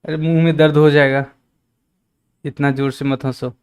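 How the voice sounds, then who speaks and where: A man teaches a maths lesson over a live stream, explaining each step and chatting with his viewers as they type. His voice sits a little high for a man and comes through smooth and clear. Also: flat delivery, moderate pace, darkish tone. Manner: chatty teacher, reads out and teases chat.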